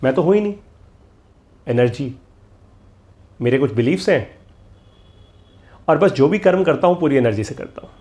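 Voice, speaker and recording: A man's voice: mid-range voice, expressive, moderate pace, pauses often, warm tone. A middle-aged man teaching a motivational course, emphatic and repetitive, slipping English phrases into his talk. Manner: emphatic, repeats key lines, mixes English phrases.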